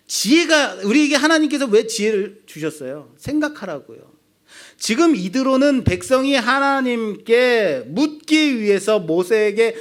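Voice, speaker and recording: Animated high-voiced male pastor. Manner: animated, rhetorical questions to the congregation. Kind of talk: sermon.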